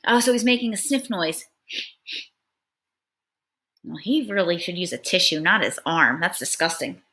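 A woman's voice: lowish voice, normal speed, sharp tone. A young woman teacher reading a picture book aloud in a patient, step-by-step lesson, sounding out words.

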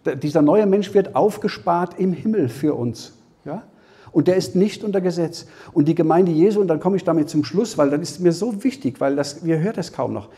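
A man giving a Bible teaching as a sermon, talking conversationally to the congregation, often checking with a quick "ja?" and restarting his phrases. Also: on the high side, expressive, mellow. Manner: conversational preaching, frequent tag "ja?", restarts. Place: church hall.

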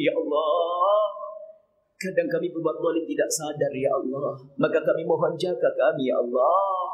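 Fervent pleading fills this Friday sermon prayer, led by a middle-aged preacher whose voice moves from murmurs to shouted cries. He speaks into a headset mic at a mosque pulpit, and the sound is phone quality.

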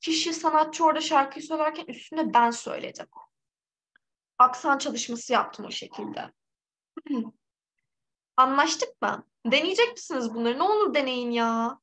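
A woman from Turkey teaching a live online English exam-prep lesson, lively and encouraging, with a slightly hoarse voice. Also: sits high, moderate pace, rough recording. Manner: lively, encouraging, reads out student names.

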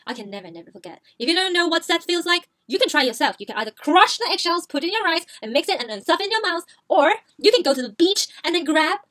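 Animated woman telling a storytime vlog. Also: very high voice, quick pace, hardly any pauses. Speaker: vlogger.

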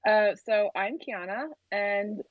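Speaking slowly in a mid-range voice, a young woman from the US chats as a guest on a video call, casual and interview-style, with plenty of laughs and "like." She sits in a room at home by a window, and the sound is phone-quality with no echo.

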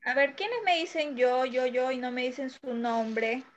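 A woman's voice: high voice, a little slow, lo-fi sound, a little hiss or hum. A woman with a Peruvian Spanish accent teaching young children in an online class, patiently going over an exam and checking in often. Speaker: primary school teacher. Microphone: video call.

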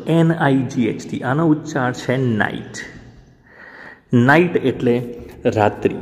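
A man teaching an English lesson to beginners, spelling words out slowly letter by letter and often asking his learners how to say them. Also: mid-range voice, darkish tone, big-room sound. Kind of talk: spoken language lesson.

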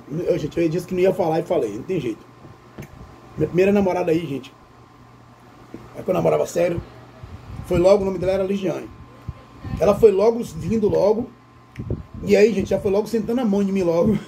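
A man who tells a story to his viewers while eating, in an animated way and often calling out to them. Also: high voice, creaky, a little hiss or hum. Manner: animated, addresses viewers as "gente". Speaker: vlogger. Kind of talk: casual storytelling during a mukbang.

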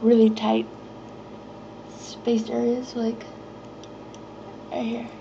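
Slow, hesitant woman flossing while talking. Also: fairly high pitch, flat delivery. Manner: soft-spoken and hesitant, with many fillers. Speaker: vlogger. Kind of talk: casual how-to vlog. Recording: dull lo-fi recording with clear background noise.

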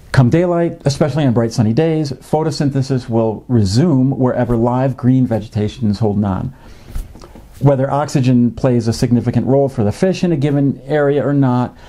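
A middle-aged man with a very dark, mellow timbre talks through a nature lesson at a steady, measured pace. He pauses often with "uh" and "um" while he explains. He is recorded at his desk in a home office. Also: medium pitch. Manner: measured, explanatory, with frequent uh fillers. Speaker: fishing educator. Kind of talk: educational narration. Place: home office with a desktop computer.

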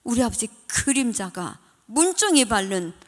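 Older woman, church testimony, lively swooping pitch, long reverb of a church hall. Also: measured pace. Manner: animated storytelling, dramatic retelling of childhood. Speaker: church deaconess giving testimony.

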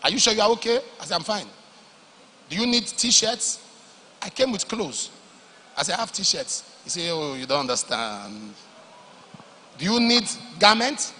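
A man preaching a sermon, moving between loud emphatic declarations and low, confiding storytelling. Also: animated, normal speed, slight background noise. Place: large church hall. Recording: long hall reverb.

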